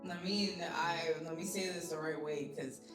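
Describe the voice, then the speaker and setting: Animated young woman telling stories. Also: low-pitched, moderate pace. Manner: animated storytelling, acts out quotes. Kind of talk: casual chat. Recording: echoey room with music behind.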